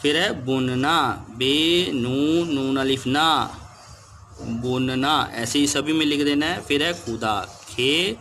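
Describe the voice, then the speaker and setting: Slow, bright-voiced male teacher. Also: mid-range voice, slight background noise. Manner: patient, spells words out letter by letter. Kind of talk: spelling lesson for children.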